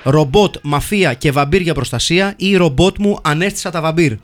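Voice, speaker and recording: A man hosting a comedy show, reading listener film reviews in a wry, mock-solemn deadpan. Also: on the high side. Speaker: host reading listener comments.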